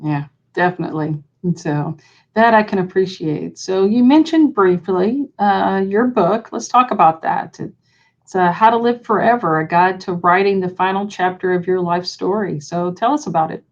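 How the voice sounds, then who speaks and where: A woman's voice: fairly low pitch, moderate pace, dull audio. A woman hosting an interview, briefly affirming and asking the guest questions. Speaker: interviewer host.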